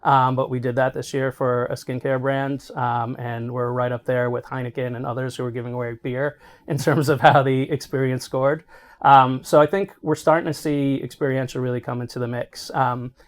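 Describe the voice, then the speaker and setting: Even-toned middle-aged man explaining. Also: medium pitch, moderate pace. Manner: explanatory, often checks in with "right?". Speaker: healthcare marketing executive being interviewed. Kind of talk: conversational industry interview answers.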